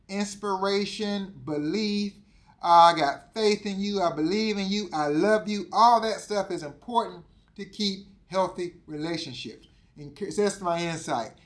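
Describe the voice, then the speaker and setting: A man's voice: sits high, fairly bright tone. A man reading passages from a book aloud and breaking off to preach to his listeners, whom he calls teammates, repeating points for emphasis.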